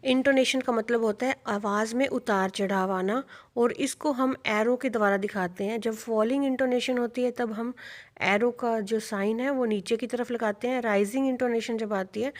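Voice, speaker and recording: A woman teacher giving a revision lecture, explaining step by step and answering her own questions. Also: on the high side. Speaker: English teacher.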